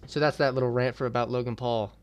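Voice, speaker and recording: A man's voice: mid-range voice, fairly even intonation, fast talker. A young man hosting his own MMA channel, ranting in a heated, profane and blunt way about a boxing match. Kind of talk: ranting reaction vlog.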